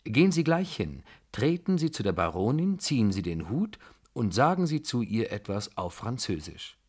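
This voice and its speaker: A man's voice: lowish voice, big pitch swings, normal speed, darkish tone, slightly rough. A man voicing a proud, scornful young woman who gives cold, mocking commands, read in an audiobook. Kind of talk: audiobook dialogue.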